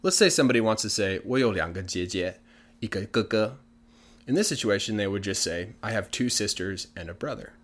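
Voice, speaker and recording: This English teacher, a man who speaks English natively, has a fairly low voice and an animated, brisk delivery. In a relaxed lesson he patiently and plainly works through language points, offering plenty of examples.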